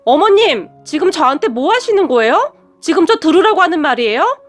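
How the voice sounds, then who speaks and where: Brief: self-serving elder sister-in-law, shrill and defiant, high voice, read by a woman. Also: expressive, moderate pace, a bit bright, soft background music.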